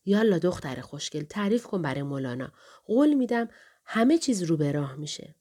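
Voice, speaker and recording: A woman voicing a kind young woman's spirit who speaks softly and reassuringly. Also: on the low side, very animated. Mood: coaxing. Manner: soft, reassuring, whispering.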